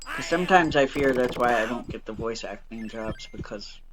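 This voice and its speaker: This mid-range male voice is expressive and moves at a normal speed, though it sounds nasal and stuffy from allergies. He's a let's play host chatting casually from his home basement, rambling and a bit apologetic with plenty of fillers, his chest bothered by bonfire smoke. Game music plays behind him.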